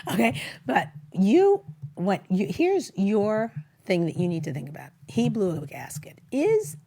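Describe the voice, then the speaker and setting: A middle-aged woman hosts a chatty advice show in a husky, croaking frog voice. She sounds hoarse, and her pitch swings in a lively way as she stresses her points and throws out questions. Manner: animated, emphatic, conversational, with rhetorical questions. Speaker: talk show host. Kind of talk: informal advice talk show. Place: small indoor studio set. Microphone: close tabletop microphone.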